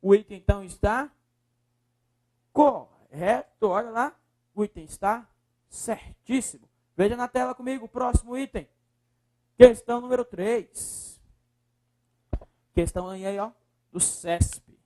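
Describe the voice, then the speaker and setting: A man with a Brazilian Portuguese accent teaching a video lesson, coaxing students and repeating words slowly syllable by syllable. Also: high voice, warm tone.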